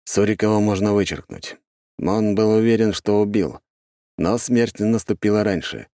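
A man reads a fantasy detective audiobook in a very low voice. His delivery is measured and even. The recording is dry and close. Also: no echo. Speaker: audiobook narrator. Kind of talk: first-person audiobook narration.

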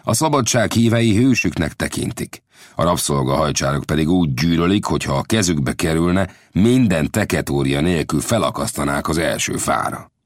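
A man's voice: rumbling low, expressive, no echo, studio quality. A man voicing a cautious, widowed middle-aged blacksmith in an audiobook, earnest and warning. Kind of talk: audiobook character voice.

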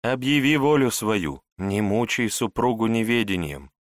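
A man reading an audiobook, voicing a wise foreign adviser who speaks slowly and formally. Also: fairly low pitch, animated, no echo, clean studio sound, pitched above the performer's own voice. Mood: measured. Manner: slow, measured and formal. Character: wise old Saracen male adviser.

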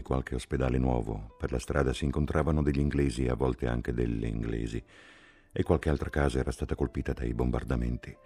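A very deep, husky male voice reads a novel in a measured, calm audiobook narration. Faint music sits underneath. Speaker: audiobook reader.

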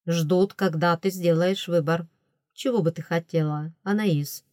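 A woman voicing an ardent, eager adult prince, speaking slowly and emphatically, a little louder than her narration. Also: lowish voice, fairly even intonation, dry recording, studio quality, natural voice. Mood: probing.

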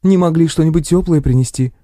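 A man's voice: on the high side, fast talker, dark tone, dry recording, clean studio sound, pitched above the performer's own voice, natural voice. A man voicing an elderly, bossy female paramedic who speaks curtly in a lecturing, teacherly tone. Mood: stern.

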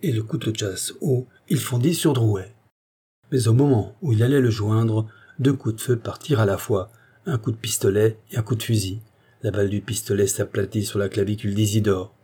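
A man narrating a classic novel as an audiobook, with expressive, theatrical delivery. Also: lowish voice, moderate pace, husky.

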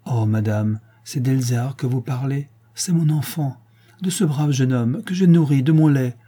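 A man voicing an old peasant woman, a devoted nurse who speaks gently and earnestly. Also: medium pitch, normal speed, breathy edge, lightly acted. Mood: tender.

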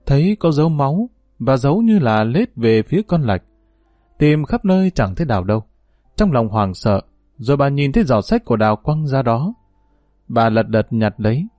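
Man, storyteller, steady dramatic reading, mellow dark voice, dry close sound, faint music behind. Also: medium pitch, no room sound. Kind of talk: storytelling narration.

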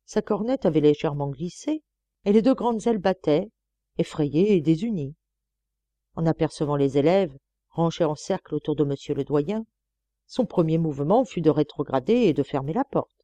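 A woman reading a novel aloud as an audiobook narrator, in an expressive, measured storytelling manner. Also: low voice, no room sound. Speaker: audiobook reader.

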